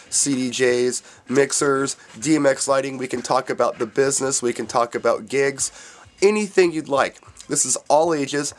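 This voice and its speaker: Upbeat man announcing DJ events. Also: medium pitch. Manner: upbeat, reads dates and addresses from notes. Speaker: DJ and YouTube host announcing events. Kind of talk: casual announcement to viewers.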